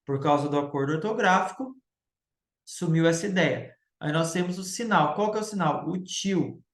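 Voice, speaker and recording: Man teaching grammar in an echoey room. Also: on the high side. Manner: explanatory, checks in with the class using quick tag questions. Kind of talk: recorded grammar lecture.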